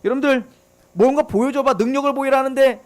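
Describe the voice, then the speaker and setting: A man's voice: very high voice, quick pace. A man preaching a sermon as pastor, earnest, who acts out scoffing unbelievers in a casual voice. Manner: earnest, preaching with rising and falling intensity.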